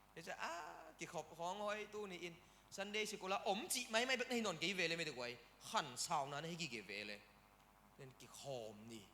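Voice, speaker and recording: Animated, bright-voiced male preacher in a hall. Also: a little high, slight background noise. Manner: animated preaching with frequent hallelujahs. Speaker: pastor. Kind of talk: sermon.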